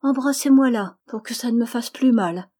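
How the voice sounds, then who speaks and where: Woman voicing a little girl, trusting, cheerful, high childlike voice, mellow tone, audiobook reading. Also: normal speed, lightly acted. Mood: chatty. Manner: high childlike lively voice, loud.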